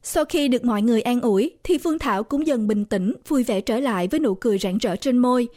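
Woman storyteller, high voice, steady expressive horror narration. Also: quick pace, no echo, studio quality.

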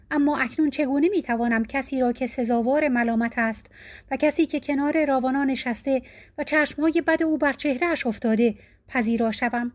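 A woman's voice: sits high, darkish tone. A woman reading as a stern young hero-king. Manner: formal, solemn speech.

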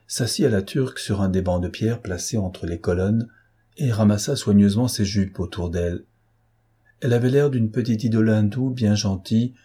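A man narrates an audiobook in a calm, measured way. His voice sits low and sounds mellow and dark, with a husky, breathy texture. The pacing is steady, like classic storytelling. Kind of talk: audiobook reading of a novel.

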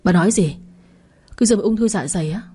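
A woman's voice: mid-range voice, fast, warm tone, breathy edge. A woman voicing a shocked older man, a grieving father in a narrated audio story. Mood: alarmed. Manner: shocked, disbelieving.

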